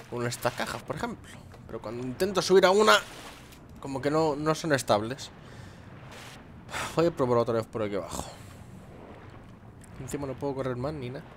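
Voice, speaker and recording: A man's voice: medium pitch, a bit bright, a little hiss or hum. A young man, commenting on his gameplay, muttering to himself and swearing. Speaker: gameplay host. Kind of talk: let's play commentary.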